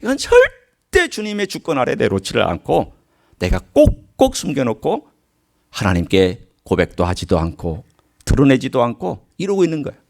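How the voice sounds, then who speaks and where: Lively pastor preaching a story. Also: male voice, normal speed, gravelly. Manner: storytelling preacher, voice swinging from soft low asides to high emphatic calls. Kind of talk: sermon.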